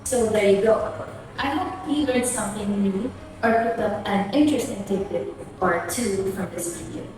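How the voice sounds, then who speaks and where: A woman's voice: medium pitch, normal speed, very echoey, long reverb tail, far from the mic, background noise. A woman giving a class presentation, reading out pairs of words for comparison. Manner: reads word pairs aloud for comparison. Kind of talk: read-aloud class presentation.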